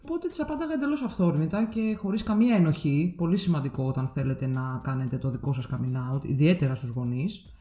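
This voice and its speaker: Candid woman in her thirties, mellow voice. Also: deep voice, echoey room. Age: 30s. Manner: candid storytelling, acts out quoted dialogue. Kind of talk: casual podcast chat.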